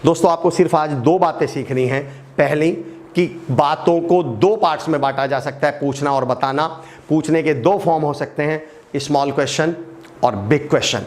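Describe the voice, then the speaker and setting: A middle-aged man teaching an English lesson in an animated way, asking and answering his own questions. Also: on the high side, moderate pace. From India.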